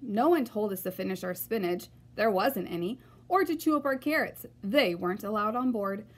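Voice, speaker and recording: Reading from a children's storybook, a woman narrates with expression, her pitch medium and her pace moderate.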